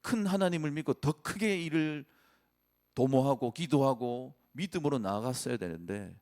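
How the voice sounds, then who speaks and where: A man's voice: mid-range voice, lively intonation, normal speed, a little mellow, voice pushed up, close to an everyday voice. A man voicing an elderly dying pastor who regrets his small faith and earnestly urges a younger colleague on. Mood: regretful.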